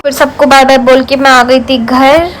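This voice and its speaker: A woman's voice: sits high, level tone, normal speed, a faint crowd, a little hiss or hum. A young woman narrating her family vlog in a chatty voice-over, fondly describing her relatives and outings. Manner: warm, affectionate storytelling about family. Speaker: family vlogger.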